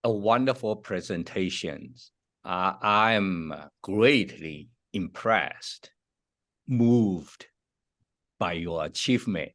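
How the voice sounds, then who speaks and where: A man in the audience thanking the speaker in a slow, formal, slightly halting way. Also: low-pitched. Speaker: audience member.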